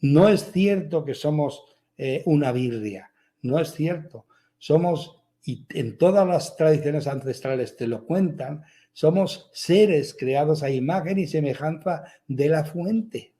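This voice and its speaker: A man's voice: on the high side, lively intonation, slow pace, mellow. A man giving a motivational spiritual talk, repeating his points emphatically and asking rhetorical questions. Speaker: spiritual speaker.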